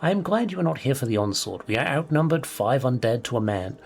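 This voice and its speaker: A man's voice: medium pitch, animated, quick pace, natural voice. A man voicing a doomed male mercenary, solemnly reading his farewell letter aloud in a put-on accent. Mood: grave, desperate.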